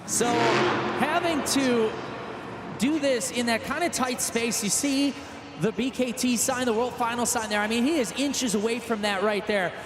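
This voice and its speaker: Male sports commentator, very high pitched, hyped shouting play-by-play, echoey stadium sound. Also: moderate pace. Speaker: event commentator announcer. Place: large stadium event. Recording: echoey stadium PA, loud engine noise.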